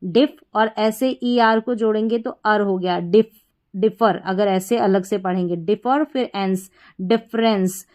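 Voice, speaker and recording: A woman's voice: fairly high pitch, darkish tone. A woman teaching English phonics in a patient, repeating way, asking her students questions. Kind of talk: phonics lesson.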